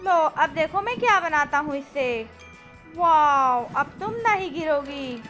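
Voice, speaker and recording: A woman with a very high, bright, sharp voice gives a playful voice-over for a children's comedy skit. She exclaims in a sing-song, childlike way over faint background music. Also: lively intonation, slow pace.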